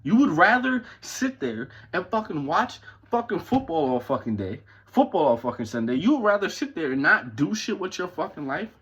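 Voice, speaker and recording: A man's voice: on the high side, very animated, normal speed, few pauses, fairly bright tone, breathy edge, dull audio. A man in his twenties delivering a profane, confrontational motivational rant at home, swearing constantly. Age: 20s. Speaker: vlogger. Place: his parents' house.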